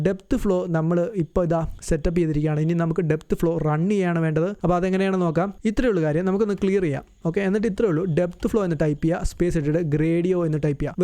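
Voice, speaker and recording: Fast-talking man explaining software. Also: high voice, clean tone, no room sound. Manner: chatty step-by-step instructions, self-correcting. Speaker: tutorial host. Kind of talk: screen-recorded software tutorial.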